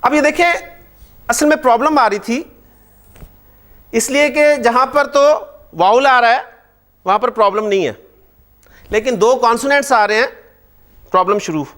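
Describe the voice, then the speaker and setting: High-voiced, animated male grammar teacher. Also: pauses often. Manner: animated, asks the class frequent check questions. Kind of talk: classroom lecture.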